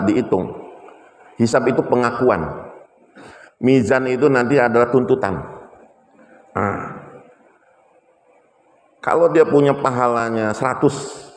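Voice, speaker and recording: A male preacher giving a sermon, telling stories in an animated way and acting out quotes. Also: medium pitch, in a large hall. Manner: animated storytelling with acted quotes.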